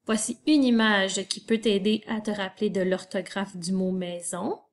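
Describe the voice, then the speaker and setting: A woman's voice: medium pitch, fairly even intonation, normal speed. A woman teaching children a spelling lesson, patiently spelling words letter by letter.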